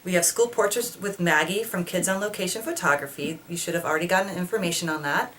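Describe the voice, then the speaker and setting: Woman fundraising coordinator, slightly low voice, brisk and informational, faint noise. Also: a bit bright. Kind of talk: scripted announcement.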